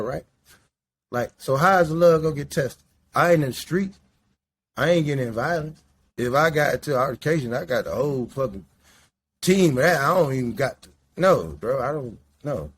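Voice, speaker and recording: A man in his late forties from the Midwest, hosting a podcast in a loose, rambling, profane way while he smokes indoors. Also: mid-range voice. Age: 40s. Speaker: podcast host. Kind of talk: casual monologue. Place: indoors, smoking while talking.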